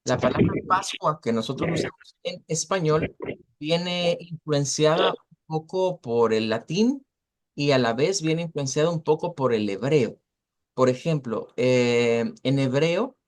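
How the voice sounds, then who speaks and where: A man teaching English pronunciation in Spanish in an online class, explaining patiently, repeating words slowly and using many fillers. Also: on the high side.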